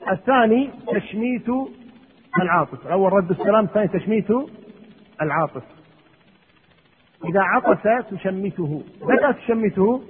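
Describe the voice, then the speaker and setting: Husky high-voiced man teaching in a hall. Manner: asks questions and answers them himself. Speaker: Islamic teacher. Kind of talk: religious lesson. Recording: muffled lo-fi with long hall echo.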